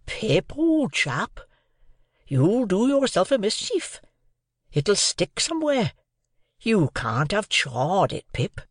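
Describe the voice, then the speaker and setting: A man's voice: sits high, wildly swooping pitch, slow, dry recording, clean studio sound, pitched above the performer's own voice, heavily acted. A man voicing a kindly, simple country man for an audiobook, anxious and solemn, with rustic, uneducated phrasing. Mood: aghast, remonstrating.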